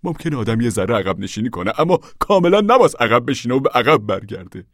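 A man voicing an earnest, calm, reflective preacher type who talks things through. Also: mid-range voice, dry recording, clean studio sound, pitched above the performer's own voice. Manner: reassuring, thoughtful, storytelling.

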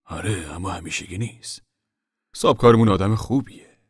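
A man's voice: deep voice, breathy edge, no room sound, exaggerated voice. A man voicing an older, weary farm worker and father who talks in a bitter, worn-down way.

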